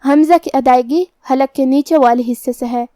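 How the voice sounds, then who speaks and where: A woman's voice: sits high, steady tone, dark tone, dry recording, studio quality. A woman teaching Quran recitation rules step by step, explaining how each letter is pronounced in a methodical way. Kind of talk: tajweed lesson, explaining then reciting slowly.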